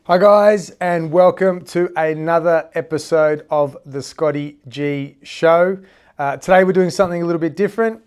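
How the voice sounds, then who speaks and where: Aussie guy in his 40s hosting a pod, chatty and easygoing, voice a touch high. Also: normal speed, a little mellow, clean tone. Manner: chatty, laid-back, casual swearing. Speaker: podcast host. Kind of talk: casual interview chat.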